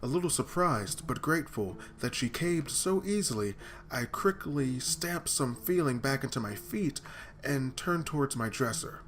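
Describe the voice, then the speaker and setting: A man's voice: medium pitch, expressive, normal speed, a bit bright. A man reading a visual novel aloud for his gaming channel, voicing the lines dramatically and breaking off for joking asides.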